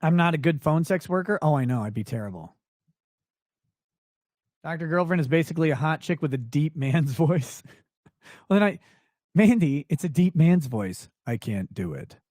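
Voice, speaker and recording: This livestream host pauses often while speaking at a normal, expressive clip, his not-deep voice carrying a darkish tone. He fields viewer questions late at night in a crude, sweary, blunt manner, captured in studio quality without room sound.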